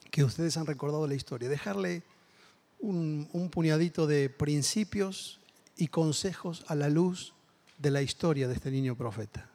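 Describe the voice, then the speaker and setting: A man with a Rioplatense Spanish accent preaches a sermon, telling a story with acted-out voices and building to emphatic exhortation. His voice is a little high and mellow, with a breathy edge.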